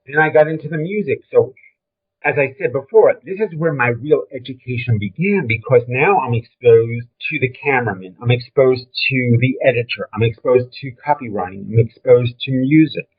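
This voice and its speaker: A man's voice: medium pitch, normal speed, breathy edge. Older Brooklyn man on a phone-like line. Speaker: interview guest, film trailer and design veteran. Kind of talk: conversational career reminiscence. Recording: thin, phone-like call audio.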